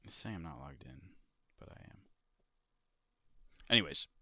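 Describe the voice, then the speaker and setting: A man's voice: deep voice, animated, moderate pace, bright, forceful tone, no echo. A young man chatting casually on a livestream, swearing freely and reading out viewer questions as he goes. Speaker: livestreamer and crypto trader.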